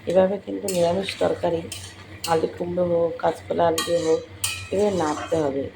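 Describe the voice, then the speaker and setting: A home cook with a voice gone hoarse from a cold, explaining a recipe step by step and addressing viewers as friends. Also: mid-range voice, steady tone, brisk, noisy background. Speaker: home cook hosting a cooking channel. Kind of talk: cooking tutorial with step-by-step talk. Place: home kitchen. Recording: home kitchen with sizzling and clattering pans.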